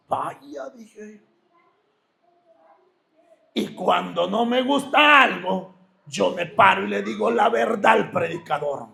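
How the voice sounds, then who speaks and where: A middle-aged male pastor preaching a sermon, moving from shouted, emphatic bursts to a hushed storytelling voice. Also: high voice, vocal fry.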